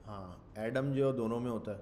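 A man's voice: mid-range voice, moderate pace, dark tone. Male programming instructor, loose rambling lecture delivery with English tech terms, light background hiss. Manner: rambling, thinks aloud, mixes English terms into Urdu. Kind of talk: casual screen-share coding lecture.

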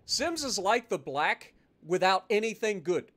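A man's voice: sits high, very animated, a little slow, fairly bright tone. A man giving casual live game-stream commentary and chatting to viewers, with a sweary, exasperated way of talking.

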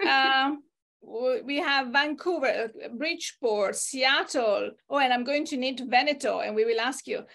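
A woman hosts a relaxed group video call, her voice pitched high. She reads out a long list of places, filling the gaps with ums and uhs. The sound is that of a laptop mic. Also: measured pace, gravelly. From Italy. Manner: reads out names and places, with fillers. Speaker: host.

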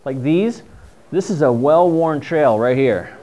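Expressive and warm, this fairly high male voice moves at a slow pace. He is a middle-aged mushroom foraging instructor from New England, chatting enthusiastically through slides in a dim room with a projector screen, captured by a camera far away.

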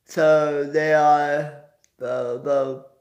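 A young adult man, a sports vlogger, gives a casual postgame basketball recap from a small room at home, recorded on a phone held at arm's length. His voice is a little high for a man, darkish in tone and fairly flat in pitch, and he speaks slowly and haltingly, often hunting for words. The sound is lo-fi.

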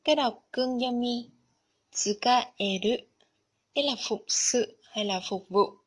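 Slow, breathy woman teaching Japanese vocabulary. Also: a little high. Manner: slow, careful explanation of vocabulary and kanji. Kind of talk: scripted lesson narration.

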